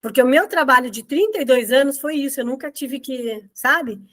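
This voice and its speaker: A woman instructor leading a review session for therapists, talking in a very direct, expressive and emphatic way. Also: high voice, moderate pace. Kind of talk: teaching a group review session.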